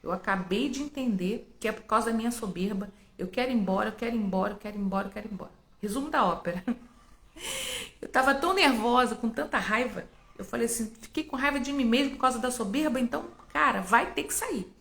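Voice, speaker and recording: A woman's voice: fairly high pitch, fast, vocal fry, fairly bright tone, roomy sound. A Brazilian woman giving an emotional church testimony, telling a story and speaking straight to listeners. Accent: Brazilian Portuguese. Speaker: preacher sharing a testimony. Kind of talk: spoken testimony to a church audience.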